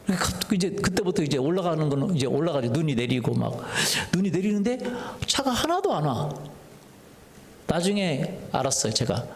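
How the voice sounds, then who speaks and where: A man preaching a Sunday sermon as pastor, often putting questions to his congregation and telling a personal story in a conversational way. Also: fairly high pitch. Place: church sanctuary. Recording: echoey church hall reverb.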